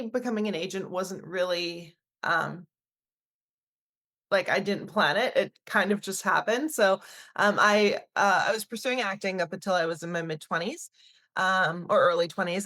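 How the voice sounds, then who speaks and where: A talent agency CEO in her thirties who grew up in Canada answers interview questions casually and chattily, with lots of fillers and restarts and light laughter. Her lowish voice is gravelly and a bit bright, with no echo.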